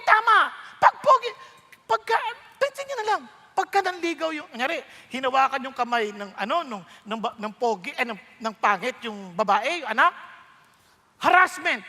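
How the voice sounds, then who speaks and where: Animated Filipino pastor, high bright voice. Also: male voice. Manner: animated, jokey, mixes English into the preaching. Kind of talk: conversational sermon. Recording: reverberant hall.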